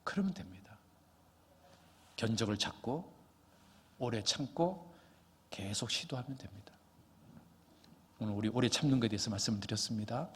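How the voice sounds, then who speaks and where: A man preaching a sermon as pastor, emphatic and repetitive, asking rhetorical questions and sometimes dropping to a hushed near-whisper. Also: mid-range voice, husky.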